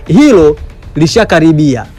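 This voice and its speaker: Male voice-over interpreter, high, lively pitch, emphatic, faint music. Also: normal speed. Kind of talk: translated voice-over.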